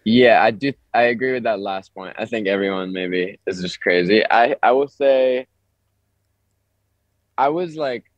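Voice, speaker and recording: A man's voice: fairly low pitch, unhurried, no echo. Man speaking over the phone. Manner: relaxed, rambling, lots of "like" fillers. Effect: heard over the phone. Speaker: touring musician. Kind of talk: casual phone interview. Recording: dry, muffled phone line.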